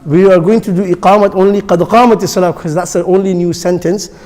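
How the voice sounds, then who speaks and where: A man's voice: sits high, flat delivery, fast, warm tone, long reverb tail. A male instructor teaching pronunciation for the call to prayer, patient and repetitive, demonstrating each sound. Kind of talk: classroom instruction. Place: mosque hall.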